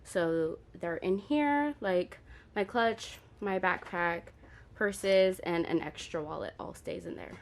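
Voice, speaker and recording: In a lowish voice and at a slow pace, a young lifestyle vlogger walks her viewers through a room tour. She talks to them directly and chattily, calling them "you guys."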